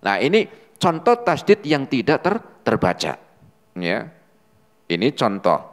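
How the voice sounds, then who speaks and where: A man teaching Quran recitation as an Islamic teacher, patient and repetitive, asking the class rhetorical questions. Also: on the high side. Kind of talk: religious lesson on Quran recitation. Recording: long hall reverb.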